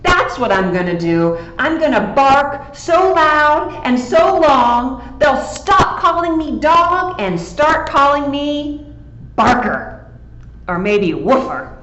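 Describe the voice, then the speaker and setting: A woman's voice: high-pitched, big pitch swings, slow, fairly bright tone, voice pushed up, full character voice. A woman voicing a glum male pet dog who wants a proper name, speaking earnestly and plaintively in an echoey, dull-sounding recording. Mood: determined. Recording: echoey, dull, faint background hiss.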